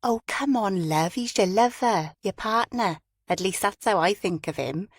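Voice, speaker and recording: A woman's voice: medium pitch, measured pace, husky, no echo. A woman narrator puts on a talkative woman friend with a frank, teasing way of talking. The voice sits a little above the narration, close and dry.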